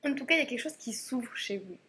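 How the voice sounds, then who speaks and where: Woman, tarot reader, chatty and halting, slightly high voice, faint background hiss. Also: expressive, sharp tone. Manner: chatty, hesitant, many fillers and restarts. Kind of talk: casual monthly tarot reading to camera.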